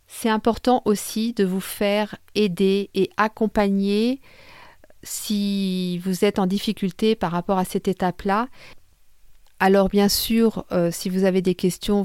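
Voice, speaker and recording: A woman hosts her podcast and walks through a method in a relaxed, conversational way, pausing on fillers and correcting herself as she goes. Her voice sits at a middle pitch and is recorded close and dry, with no room around it. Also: clear, resonant tone, no echo. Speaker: podcast host. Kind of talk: casual explanatory podcast talk.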